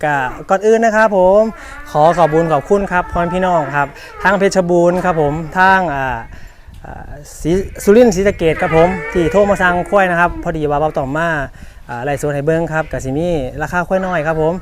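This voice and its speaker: Fast, high-pitched Isan Thai man selling live. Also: noisy background. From northeastern Thailand. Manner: polite, repetitive, ends phrases with polite particles. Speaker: livestock seller.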